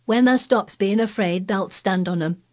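A woman's voice: lowish voice, normal speed, no echo, clean studio sound, lightly acted. A woman voicing a cheerful country boy who reassures his friend in broad dialect. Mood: reassuring.

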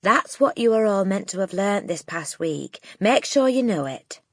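A woman voicing a gentle but firm woman teacher in an audiobook, speaking in a measured, precise, politely defiant way. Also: mid-range voice, lively intonation, slightly rough, dry recording, clean studio sound, voice pushed up. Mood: calm, instructive. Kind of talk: audiobook character acting.

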